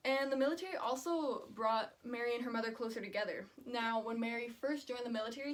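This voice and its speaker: A woman student giving a prepared oral presentation on her research in an earnest, explanatory manner. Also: fairly high pitch. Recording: distant microphone.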